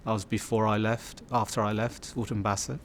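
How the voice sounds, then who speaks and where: A man in his fifties from Bangladesh, a community storyteller, reflects on his life in an interview, his fairly low voice brisk and barely moving in pitch. He fills his account with fillers and restarts, and a faint hiss or hum sits under the recording.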